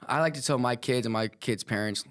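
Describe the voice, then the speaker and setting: A man's voice: medium pitch, a little fast, fairly bright tone. A man who coaches youth wrestling, giving earnest advice in a casual podcast chat. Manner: earnest advice, frequent agreeing "yeah".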